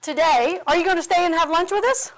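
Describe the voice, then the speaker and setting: Upbeat high-voiced woman teacher hosting. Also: fast, a bit bright, poor audio. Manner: upbeat, keeps steering the segment back on track. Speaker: teacher hosting school announcements. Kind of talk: comedic school announcements. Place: school.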